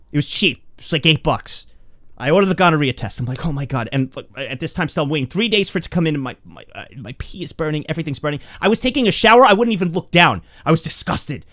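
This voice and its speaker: A man's voice: a little high, dry recording, clean studio sound. A young man telling a comedic personal story in a casual, stammering way, acting out the voices of the people in it. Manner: animated, stammering, acts out voices.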